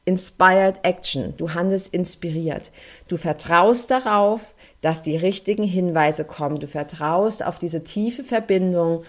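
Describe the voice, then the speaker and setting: A woman's voice: fairly low pitch, a little slow. Earnest woman coaching on a spiritual podcast. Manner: earnest, emphatic, coaching listeners directly. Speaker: podcast host and card-reading coach. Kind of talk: solo spiritual podcast monologue.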